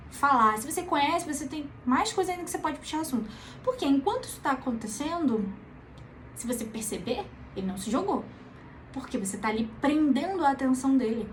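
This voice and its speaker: A woman teaching psychology in a casual, conversational lesson, calm and reassuring, often checking in with the listener. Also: sits high, slight background noise, poor audio. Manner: conversational, frequent tag questions, calm reassuring. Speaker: psychology educator.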